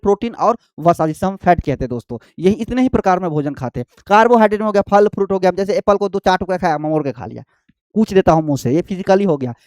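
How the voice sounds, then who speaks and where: This exam-prep biology lesson is led by a male teacher whose high-pitched voice has a darkish tone, captured in a clean studio with no echo. He repeats each point, quizzes students throughout, and refers to them as friends and babu.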